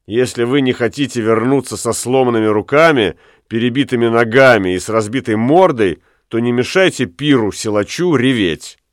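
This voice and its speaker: A man's voice: medium pitch, normal speed, few pauses, no room sound, clean studio sound, lightly acted. A man voicing a gossipy townswoman who warns and boasts about a local strongman. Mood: boasting.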